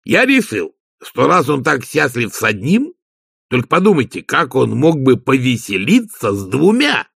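A man reading an audiobook, voicing a slow, gloomy male servant who talks in a deliberate, matter-of-fact way. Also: medium pitch, wildly swooping pitch, gravelly, a bit bright, husky, dry recording, studio quality, voice pushed up, full character voice. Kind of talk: audiobook character voice.

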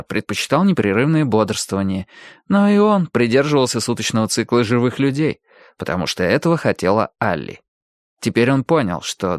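A man reading a novel aloud as an audiobook, with an expressive delivery. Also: medium pitch, dry recording, studio quality. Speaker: audiobook narrator. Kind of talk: scripted audiobook narration.

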